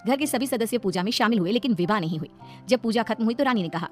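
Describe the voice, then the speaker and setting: Brisk woman storybook narrator. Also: fairly high pitch, animated, faint music behind.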